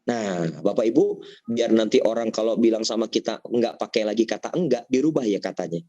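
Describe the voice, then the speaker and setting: A man giving a motivational sales talk, acting out customer dialogues in higher voices and quoting Arabic verses. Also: brisk, highs cut off. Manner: animated, jumps to higher pitch when acting out customers; quotes Quran verses in Arabic. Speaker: motivational speaker at a sales meeting. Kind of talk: preachy sales pep talk with acted-out dialogues.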